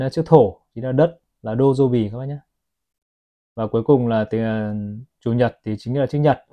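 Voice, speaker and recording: Fast-talking man showing off a watch. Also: mid-range voice, muffled recording. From Vietnam. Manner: chatty, keeps addressing viewers as "các bác". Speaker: watch seller. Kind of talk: product review vlog.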